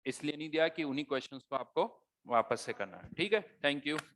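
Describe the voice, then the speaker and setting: A man's voice: fairly high pitch, expressive, a little fast, fairly bright tone, slight background noise. A man teaching a chemistry class, explaining concepts conversationally and asking his students rhetorical questions as he goes. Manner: conversational teaching, mixing Hindi with English terms, rhetorical questions. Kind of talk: classroom lecture.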